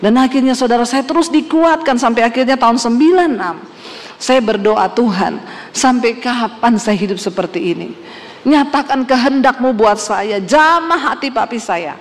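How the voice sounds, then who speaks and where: A woman's voice: fairly high pitch, moderate pace. A woman pastor from Indonesia giving an earnest sermon testimony, telling her story with feeling. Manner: earnest storytelling, acts out her father's and mother's words. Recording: hall reverb.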